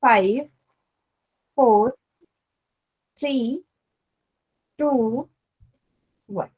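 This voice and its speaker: A woman's voice: a little high, drawn-out words, breathy edge, highs cut off. A woman teaching math in a live online class, patiently explaining and quizzing students. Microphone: online class stream.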